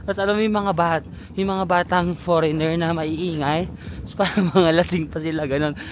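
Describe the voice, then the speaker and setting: Young man, from the Philippines, travel vlogger, high-pitched, chatty storytelling, breathless from cold, outdoors, faint background noise. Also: steady tone, normal speed. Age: 20s. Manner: chatty storytelling, often laughing. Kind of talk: casual vlog narration. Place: outdoors in a snowy city.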